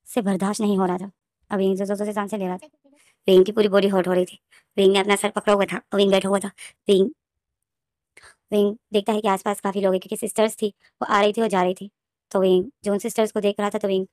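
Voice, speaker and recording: A woman narrating her own fan fiction story, retelling scenes rapidly and emotionally with frequent restarts. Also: medium pitch, darkish tone, no room sound, studio quality.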